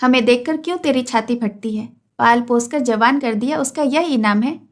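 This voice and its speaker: A woman reading aloud as a fierce village mother with a sharp, scolding tongue. The voice sits high and sounds heated in this storybook reading. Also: normal speed, lightly acted. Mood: furious.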